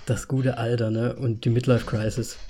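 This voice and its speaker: A man's voice: mid-range voice, little pitch movement, normal speed, dark tone, a little hiss or hum. A man in his late thirties co-hosting a podcast in casual chat, talking in a rambling, chatty way and laughing often. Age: 30s. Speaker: podcast co-host.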